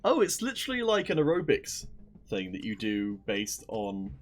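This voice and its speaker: A man's voice: lowish voice, wildly swooping pitch, normal speed, soft background music. A man casting a live esports stream, chatting upbeat and directly to viewers. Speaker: esports caster.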